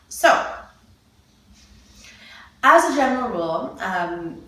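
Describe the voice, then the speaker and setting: Echoey, low-voiced woman coach. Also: a bit bright. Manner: demonstrates mouth sounds slowly. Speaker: movement coach. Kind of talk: casual instructional talk. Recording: echoey room, mic at a distance.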